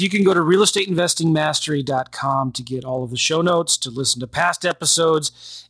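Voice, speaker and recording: Male podcast host, breathy and upbeat, dry close mic. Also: on the high side, sharp tone, no echo. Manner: chatty, upbeat, laughs while talking. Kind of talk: casual podcast interview.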